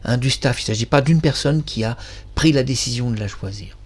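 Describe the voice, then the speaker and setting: A man's voice: mid-range voice, brisk, slightly rough. A man hosting his own channel, talking in a casual monologue that is effusive, rambling and self-praising. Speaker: channel host.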